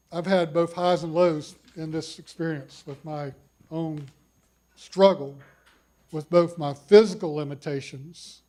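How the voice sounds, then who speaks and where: With a big voice that is a little high and a little mellow, an older man tells a conference audience his own cancer story. The survivor's personal talk is folksy and self-deprecating.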